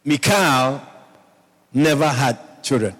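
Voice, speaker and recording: A man's voice: medium pitch, slow, fairly bright tone. A man, preaching a sermon to his congregation and often checking in with them through questions. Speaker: pastor. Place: church hall. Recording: long hall reverb.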